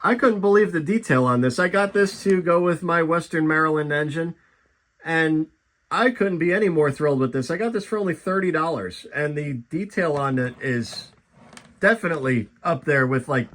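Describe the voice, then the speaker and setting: Casual young man, high voice, enthusiastic collector chatting through his haul. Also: moderate pace, a bit bright. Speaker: model train vlogger. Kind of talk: casual show-and-tell vlog.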